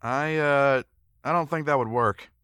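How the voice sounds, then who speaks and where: An actor playing an eager, flustered young newlywed husband in an audio drama, often stammering. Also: male voice, mid-range voice, a little slow, a bit bright, clean tone, no echo, natural voice. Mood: nervous.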